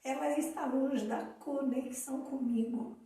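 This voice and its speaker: A Brazilian woman, accent Brazilian Portuguese, co-hosts a live chat about emotional awareness, speaking a little slowly in a high, mellow voice. Calm and reflective, she tells a short story, and her distance from the mic in a heavily echoing room is obvious.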